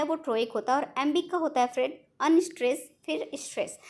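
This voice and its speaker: A woman teaching an online exam-prep lesson, explaining step by step in Hindi mixed with English terms and correcting herself as she goes. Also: high voice.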